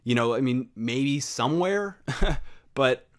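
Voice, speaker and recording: A young American podcast host rambles casually through an unscripted solo monologue, packed with fillers, rhetorical questions, and offhand swearing. His mid-range voice is animated but slow.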